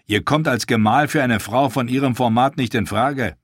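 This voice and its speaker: A man's voice: medium pitch, lively intonation, a little fast, fairly bright tone, no room sound, pitched above the performer's own voice. A swaggering sellsword, scornful and taunting, read by a male audiobook narrator. It is close to the reader's own voice and recorded dry and close, with no room sound.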